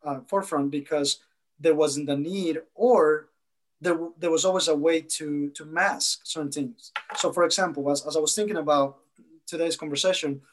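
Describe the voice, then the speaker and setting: Man from El Salvador, thoughtful, a bit high voice, searching for words. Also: steady tone, normal speed. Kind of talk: panel discussion.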